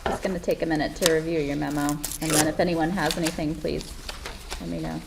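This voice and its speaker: A woman's voice: low voice, steady tone, quick pace, creaky. A woman chairing a public meeting whose voice sounds muffled, as if she has a bucket over her head, picked up by a laptop mic across the room. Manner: hesitant, restarting, chairing the meeting. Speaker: committee chair. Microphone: laptop microphone across the room. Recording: noisy remote meeting audio from a laptop mic.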